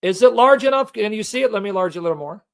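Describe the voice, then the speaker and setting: A man's voice: high voice, expressive, very fast, vocal fry. Emphatic man teaching scripture. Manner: emphatic, repeats points and checks in with listeners. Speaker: Bible teacher. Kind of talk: Bible study teaching with scripture reading.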